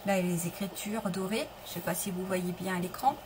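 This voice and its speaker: This middle-aged woman speaks fast in a fairly low voice, and the audio is very noisy. She's demonstrating papercraft on a live stream, talking casually, starting sentences over, and replying to viewers as she holds up her materials.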